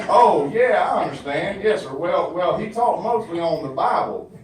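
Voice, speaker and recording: In this folksy comedy bit, a Southern-accented man plays a flustered churchgoer on the phone, stammering and repeating himself as only his side of the call is heard. His high-pitched voice is lively in intonation at a measured pace. A distant mic in a very echoey hall also picks up background noise.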